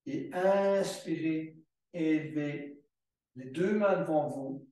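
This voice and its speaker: A man teaching a yoga class, calling out poses and breath cues in slow, drawn-out repetitions. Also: a little high, mellow. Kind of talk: guided yoga class instruction. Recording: very echoey room, voice from far off the mic.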